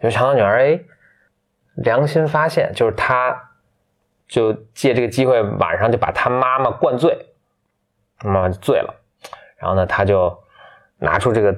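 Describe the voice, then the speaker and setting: A man casually retelling a fairy tale from memory, loose and halting, with many restarts and fillers. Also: medium pitch. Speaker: storyteller.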